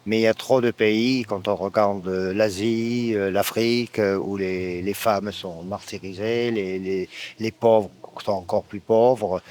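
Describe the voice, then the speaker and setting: Lowish-voiced man giving his opinion. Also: fairly even intonation, unhurried, few pauses, a little mellow. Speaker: interviewee. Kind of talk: unscripted interview answer.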